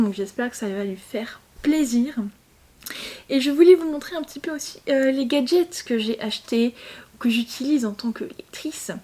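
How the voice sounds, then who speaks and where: A young woman talks to her camera from home in a loose, bubbly way, stumbling over her words and piling up fillers. Her voice sits a touch high yet sounds soft and mellow rather than bright. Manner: chatty, bubbly, many fillers and restarts. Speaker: vlogger. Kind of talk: casual chat to camera.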